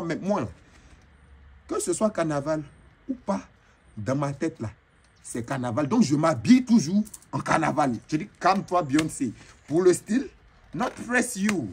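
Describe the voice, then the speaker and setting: In a sing-song voice on the high side, a man at moderate pace plays a showy, bragging braider chief, a woman who spins comic stories and slips into broken English. He is a comedian with an Ivorian French accent doing an in-character monologue, and there is a little hiss or hum.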